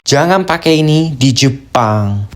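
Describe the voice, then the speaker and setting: A voice announcing each topic with short, flat prompt-style lines. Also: medium pitch, slow pace.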